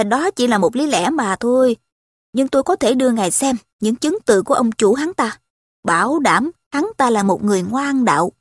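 A woman's voice: fairly high pitch, slightly rough, no room sound, studio quality. A woman reading the part of a coaxing adult male slave trader in a spoken story, pressing his sales talk.

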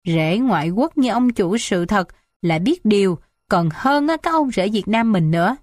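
A woman's voice: expressive, normal speed, darkish tone, no echo, studio quality, natural voice. A woman voicing a defiant, spoiled young village daughter in an audiobook, sulky and petulant. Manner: sulky, petulant, high-pitched.

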